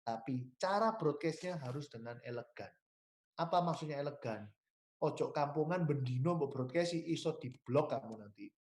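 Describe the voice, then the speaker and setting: A man's voice: fairly high pitch, animated, normal speed, darkish tone. A man with a Javanese accent giving an emphatic sales training talk to insurance agents. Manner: emphatic, coaching, mixes in Javanese and English words. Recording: roomy echo.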